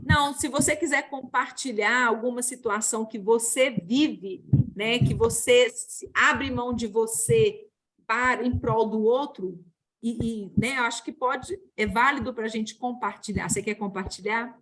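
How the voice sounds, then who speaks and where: A woman with a Brazilian Portuguese accent leading an online support group, explaining gently and calling on participants over a video call. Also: a little high, a little slow. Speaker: group facilitator.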